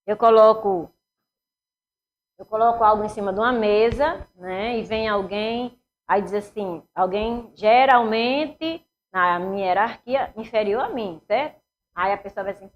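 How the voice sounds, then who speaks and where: A woman's voice: mid-range voice, a little hiss or hum. A woman with a Northeastern Brazilian accent teaching a grammar lesson for exam preparation, asking the class questions and answering them herself.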